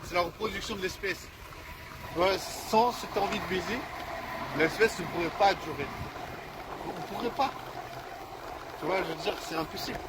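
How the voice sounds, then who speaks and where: A young man with a high voice speaks at a moderate pace and pauses often, in a very noisy outdoor recording. His rambling vlog monologue, slangy and self-mocking, is about his day, being cold, and catching a bug.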